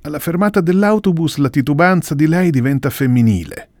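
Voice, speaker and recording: A man reading a literary passage aloud with a lively pitch, slowing on key phrases. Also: no room sound, clean studio sound. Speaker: reader.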